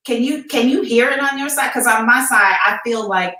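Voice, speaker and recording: A woman's voice: fairly high pitch, moderate pace, bright, forceful tone. An American woman talking casually and candidly on a live stream as a psychic reader, with slangy, informal phrasing, in an empty room. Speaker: psychic reader hosting a live advice show. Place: emptied-out room indoors. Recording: echoey empty room, distant mic.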